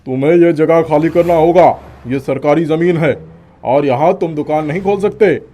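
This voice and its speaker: An actor playing a stern male municipal officer in an animated story, talking in a curt, dismissive way. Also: a little high, normal speed, natural voice.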